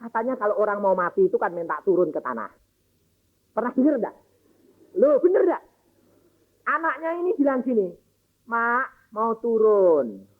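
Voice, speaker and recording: A man preaching a sermon, an animated storyteller who acts out voices and sometimes drops to a hushed tone. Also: very high voice, fairly quick, long pauses, phone-quality sound. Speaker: evangelist preacher. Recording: band-limited radio broadcast.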